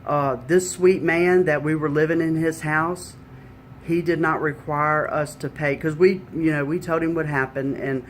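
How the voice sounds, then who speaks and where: A middle-aged woman recounts her faith testimony in a plain, conversational way. She retells past conversations earnestly and often adds "you know". A faint low rumble sits in the background. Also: fairly even intonation, moderate pace. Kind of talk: personal faith testimony storytelling.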